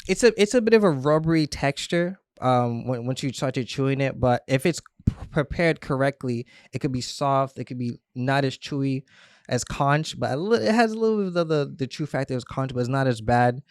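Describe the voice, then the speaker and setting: Medium in pitch, fairly quick and smooth, this young man's voice comes through clean studio audio with no echo. He grew up between Trinidad and Florida and, as a stylist guest on a podcast, chats casually, laughs often, and tells relaxed stories with restarts.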